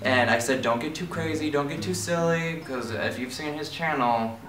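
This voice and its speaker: A man's voice: a little high, normal speed. A man hosting his channel in casual chat over a party game, earnest and a bit sentimental. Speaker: channel host. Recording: roomy, distant mic, music playing.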